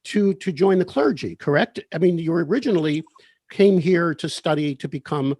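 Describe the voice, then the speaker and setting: A man's voice: on the high side, normal speed, darkish tone, slightly rough, dry recording. A male interviewer with a somewhat raised voice guides his guest with friendly questions that seek confirmation. The sound is dry and close. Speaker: interviewer, host. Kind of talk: conversational interview.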